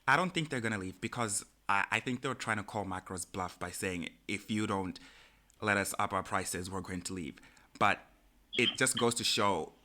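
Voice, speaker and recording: A man co-hosting a podcast in casual chat, who gets animated and jumps high in pitch when he quotes people. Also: normal speed. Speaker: podcast co-host.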